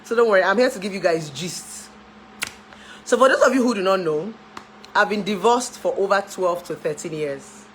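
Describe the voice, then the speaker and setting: Nigerian woman, 30s, relationship therapist, chatty livestream, mid pitch, faint hum behind. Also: moderate pace, poor audio. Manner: chatty, laughs often, dips into pidgin. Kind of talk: casual chat to camera.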